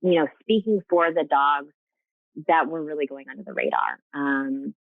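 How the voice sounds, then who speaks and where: A woman with a low, creaky voice speaks at a moderate pace as a guest on a casual video-call interview about the rescue she co-founded. She's earnest, with frequent fillers and restarts, and the call audio sounds tinny and phone-like, with no echo.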